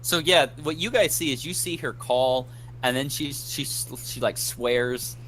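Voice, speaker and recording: A man narrating a tabletop game as game master, halting and restarting with many ums. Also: medium pitch, a bit bright, slight background noise.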